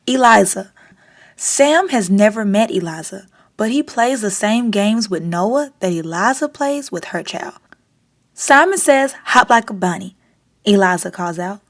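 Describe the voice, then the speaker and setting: Reading a picture book to children at storytime, a woman with a mid-range voice speaks expressively and deliberately.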